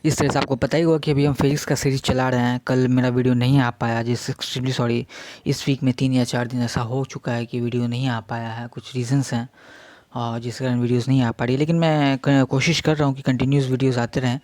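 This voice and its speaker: A young man teaching a casual exam-prep physics lesson, speaking slowly and repeating himself, constantly checking in with his listeners. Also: medium pitch, little pitch movement, darkish tone, dry recording. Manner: slow, repetitive, checks in with "theek hai" constantly.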